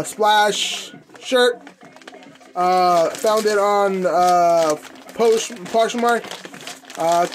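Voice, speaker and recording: Halting, slangy young American man vlogging. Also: high voice. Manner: halting, slangy, informal delivery. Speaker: host of a clothing collecting channel. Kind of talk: casual unboxing vlog. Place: indoors in a room at home.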